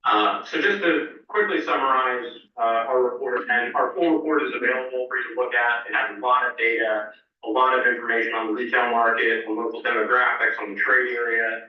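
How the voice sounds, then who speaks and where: A man's voice: medium pitch, brisk. Man, business presenter, heard via a phone held to a mic in a meeting room, roomy and distant, uh-filled delivery. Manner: steady, with frequent "uh" fillers. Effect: voice from a cell phone held up to a microphone. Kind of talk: formal presentation over the phone. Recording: muffled phone sound through a very echoey hall, from far off.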